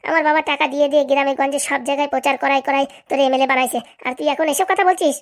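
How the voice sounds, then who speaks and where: For comic cartoon voice acting, a woman plays the bossy, nagging, domineering wife of a village politician. In a high, creaky voice with a steady tone, she scolds relentlessly, contemptuous and accusatory, haranguing in rapid-fire bursts.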